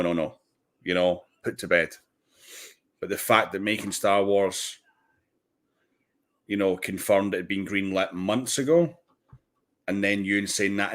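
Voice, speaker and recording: A man hosting a casual livestream watch party, excitable, swearing casually and restarting his sentences. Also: on the low side. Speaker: livestream host.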